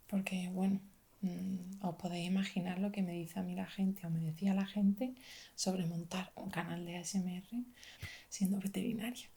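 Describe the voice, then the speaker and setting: Whispered ASMR pep talk, mellow Spanish woman. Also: medium pitch. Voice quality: breathy whisper. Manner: gentle, reassuring, addressing the listener as a friend. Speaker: ASMR video creator.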